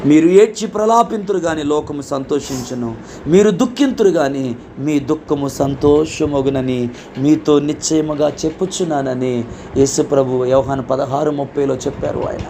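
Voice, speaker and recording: A man's voice: a little high, moderate pace, mellow, a little hiss or hum. A man preaching a sermon as a pastor, fervent, often calling out hallelujah and amen and rising to emphatic questions. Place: church.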